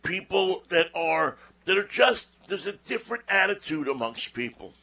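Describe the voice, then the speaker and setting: Bright-voiced rambling man telling a story. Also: high-pitched, big pitch swings, moderate pace. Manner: rambling, repeats words, folksy asides. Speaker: show host. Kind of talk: casual storytelling monologue.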